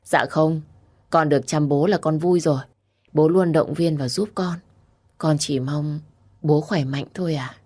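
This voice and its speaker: A woman's voice: low voice, measured pace, darkish tone. A woman voicing a meek, devoted young pregnant daughter-in-law in a storybook reading. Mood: gentle. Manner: pleading, tearful in grief.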